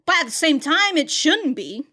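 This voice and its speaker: A woman with a high, very animated, sharp voice reacts casually to an anime, reading the subtitles aloud between slangy remarks, swearing, and exclamations. She speaks at a moderate pace.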